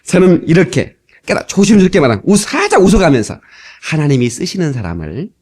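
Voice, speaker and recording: Man, pastor, storytelling sermon, lively swooping voice, fairly high, old cassette tape sound. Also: brisk, breathy edge. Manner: animated, acts out quoted people.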